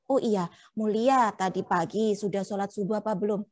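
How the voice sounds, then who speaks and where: A woman's voice: medium pitch, moderate pace, darkish tone. A young woman teacher, playfully quizzing a puppet and the children in a lesson. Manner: playful, coaxing, asks children questions.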